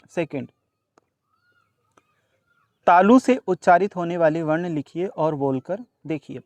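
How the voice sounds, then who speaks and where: A man's voice: fairly high pitch, darkish tone, no room sound. A male teacher working through a workbook solution lesson, addressing children, asking questions and answering them himself, dropping English words and numbers into his speech.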